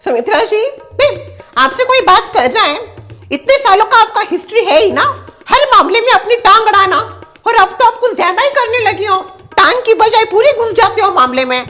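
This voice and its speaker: A man playing a loud, indignant middle-aged mother who scolds and laughs at others in a comedy sketch. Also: fairly even intonation. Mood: scolding. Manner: shrill, scolding, quick to laugh. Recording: echoey room, faint music.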